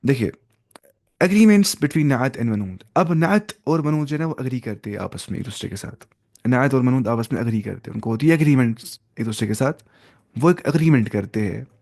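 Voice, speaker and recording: A man's voice: medium pitch, animated, normal speed, a little mellow. A young man teaching an Arabic grammar class to students, explaining each step, asking questions and mixing in English terms.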